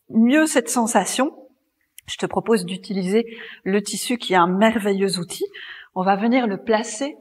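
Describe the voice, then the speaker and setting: Calm breathy woman guiding a yoga class. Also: mid-range voice, long reverb tail. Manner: calm, gently guiding, cueing breath and movement. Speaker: yoga teacher. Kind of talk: guided yoga class instruction. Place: yoga studio.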